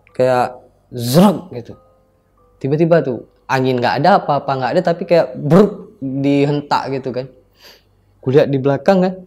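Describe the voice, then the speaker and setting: A young man from Aceh, casually telling of his own experience as a guest and acting out the dialogue as he goes. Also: medium pitch. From Aceh, Indonesia. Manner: lively retelling that acts out quoted dialogue. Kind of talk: casual spoken storytelling.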